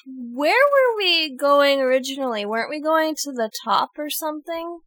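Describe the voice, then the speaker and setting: A woman playing a tabletop game, asking practical questions in a measured way. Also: high voice, animated, a bit bright, no echo. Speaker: player. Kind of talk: casual tabletop play.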